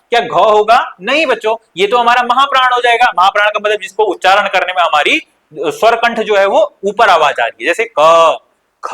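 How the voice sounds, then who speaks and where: A man's voice: high voice, bright, forceful tone. A young adult man teaching an exam-prep lesson, addressing students as children and answering his own questions.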